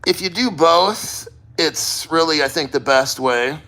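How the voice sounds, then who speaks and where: A man's voice: a little high, unhurried, sharp tone, low-quality recording. A man talking casually in a first-person vlog, rambling and plain-spoken with frequent swearing. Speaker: vlogger. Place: sitting in a cold plunge.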